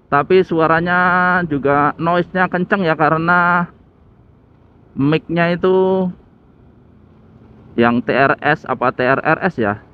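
A man chatting casually as he rides a motorbike through city traffic, recorded on a phone with a headset mic. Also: fairly high pitch. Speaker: motovlogger. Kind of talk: casual motovlog commentary while riding. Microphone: phone with a homemade headset mic. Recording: tinny phone-like audio with faint road noise. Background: traffic and engine noise.

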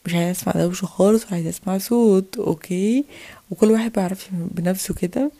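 A woman's voice: medium pitch, fast, warm tone, close to an everyday voice. A woman with an Egyptian accent voicing a strict, bossy babysitter in a toy play video. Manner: bossy, scolding.

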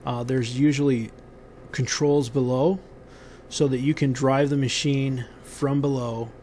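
A man giving unscripted how-to instructions on a building site outdoors, pausing often with ums and restarting his sentences. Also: medium pitch, steady tone, darkish tone, slight background noise. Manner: halting, many ums and restarts.

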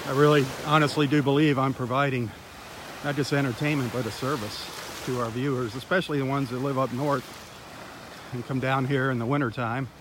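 A man's voice: medium pitch, fairly even intonation, fairly quick. A man hosting a live beach walk stream outdoors, chatty and enthusiastic as he talks straight to his viewers through a handheld phone. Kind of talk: casual live-stream narration. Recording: loud outdoor noise of surf and wind.

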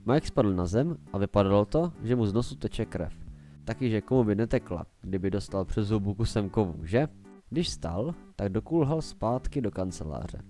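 A man's voice: fairly low pitch, lively intonation, dark tone, rough recording. A man reading a fan-made horror story aloud in plain storytelling narration. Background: faint music.

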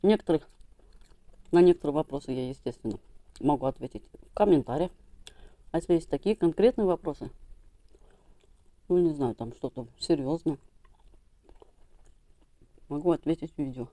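A young woman chats with her mouth full, muffled and chewing between giggly words. Her voice sits low and very dark, soft and mellow. The sound is close and dry. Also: animated, moderate pace, pauses often, no echo. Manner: chatty, giggly, speaks between bites. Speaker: mukbang vlogger. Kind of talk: casual chat to viewers while eating.

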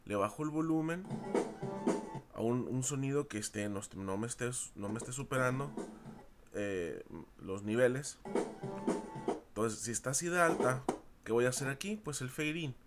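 A man's voice: mid-range voice, moderate pace, long pauses, over loud music. A middle-aged man, a university audio teacher giving a loose, repetitive recorded lecture to his students. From Mexico. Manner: informal, repeats himself, addresses students as chicos. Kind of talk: screen-recorded class lecture.

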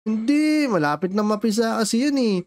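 A man with a Filipino accent doing playful Minecraft roleplay banter, swinging between high excited shouts and low mutters. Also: normal speed, dry recording, clean studio sound.

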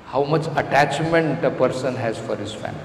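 A man's voice: medium pitch, brisk. A middle-aged man with an Indian accent giving an emphatic scripture lecture, repeating phrases for stress. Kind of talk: scripture lecture with everyday examples. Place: indoor temple lecture room. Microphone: stand microphone close to the mouth. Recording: roomy hall reverb, faint background noise.

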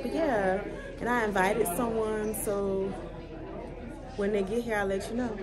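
Over a noisy crowd, a thirtysomething vlogger from Atlanta, United States, chats casually to camera with a bubbly, chatty manner, recording herself on her phone at arm's length at an office turned party venue. Her mid-range voice holds a steady tone and an unhurried pace.

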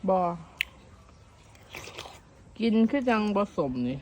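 A man's voice: extremely slow, darkish tone, slight background noise. A man with an Isan accent bantering casually while tasting food.

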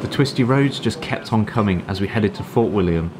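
A man's voice: fairly low pitch, expressive, brisk. A young man with a Northern English accent, chatty and upbeat, vlogging and narrating a road trip from a car and the roadside. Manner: upbeat, chatty, laughs often. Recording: loud wind and car noise.

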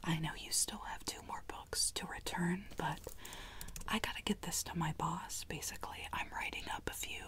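A young woman playing a rude, condescending librarian in a whispered role-play, speaking in a breathy, curt, hushed whisper. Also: on the low side, steady tone, normal speed, natural voice. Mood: condescending, impatient.

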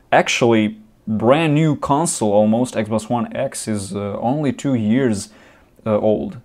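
A young man, not a native English speaker, rants in a casual gaming vlog with frequent restarts and fillers. His medium-pitched voice has a darkish tone, recorded close up on a desk webcam in a small room.

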